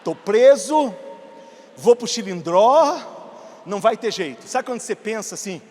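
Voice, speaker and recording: A male pastor, preaching a sermon as an animated story, acting out dialogue and rising to shouts. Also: high voice, moderate pace. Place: church hall. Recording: long hall reverb.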